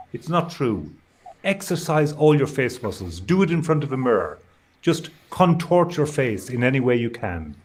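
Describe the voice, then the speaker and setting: A man with a mid-range voice hands out quick, practical advice in a jokey, instructive way. A faint noise floor hums behind him. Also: medium pitch. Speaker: co-host. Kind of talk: casual presenting tips.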